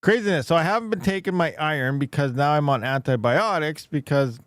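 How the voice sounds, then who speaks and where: A man hosting a casual, rambling live stream, speaking with slightly slurred, toothless diction and soft S sounds from a swollen mouth after having teeth pulled. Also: on the high side, a little fast, dry recording, clean studio sound. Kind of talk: casual rambling livestream chat.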